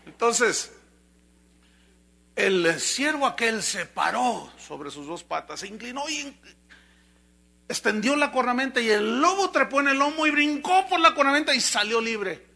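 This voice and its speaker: Pastor guy preaching a sermon, high sharp voice, acts out the story. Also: measured pace, creaky. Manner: animated storytelling, acting out the animals' voices.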